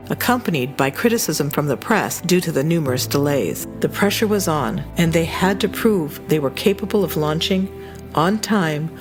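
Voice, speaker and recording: A narrator reading scripted documentary narration. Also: medium pitch. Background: music.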